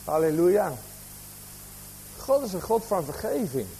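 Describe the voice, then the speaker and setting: A man's voice: sits high, sing-song, measured pace, warm tone, a little hiss or hum, rough recording. A man preaching a sermon, asking the congregation questions, with a slight cough.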